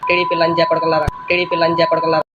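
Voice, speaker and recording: Actor playing a furious foul-mouthed brawler. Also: male voice, a little high, monotone, racing, lightly acted. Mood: raging. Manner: shouting, abusive. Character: furious foul-mouthed man hurling abuse. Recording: lo-fi clip with loud noise.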